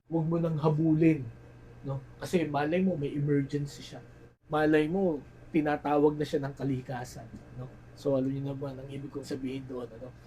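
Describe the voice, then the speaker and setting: A man's voice: level tone, warm tone, rough recording. Filipino male pastor, sermon delivery, tenor-leaning voice, faint ambient noise in the recording. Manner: Tagalog-English code-switching, tag "no?" after phrases; slows and drops his voice for key phrases, rises in pitch and volume elsewhere.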